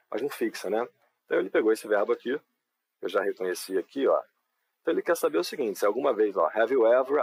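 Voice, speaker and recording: A man with a Brazilian Portuguese accent leads a live online English lesson. His voice sits fairly low and has a husky edge. He explains step by step in a patient, unhurried way and keeps checking that the class is following him. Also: poor audio. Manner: patient, explanatory, frequent tag questions. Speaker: English teacher.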